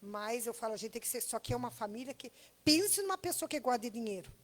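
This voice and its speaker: A woman pastor from Brazil, preaching a sermon that tells a story and builds to loud exhortation. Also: fairly high pitch, expressive, fast talker. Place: church service.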